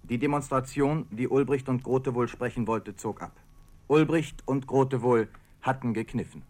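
A man's voice: mid-range voice, moderate pace, darkish tone. Man reading a documentary script. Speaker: second narrator. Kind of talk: scripted narration.

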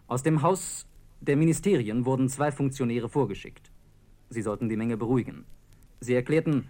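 A man narrating a historical radio documentary in a measured, scripted read. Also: mid-range voice, a little mellow.

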